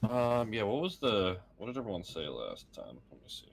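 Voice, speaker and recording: A man with a low voice leads a tabletop game as its game master. He narrates in a halting way, full of ums and uhs, and chuckles as he goes. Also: very animated, creaky. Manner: halting, with many fillers and chuckles.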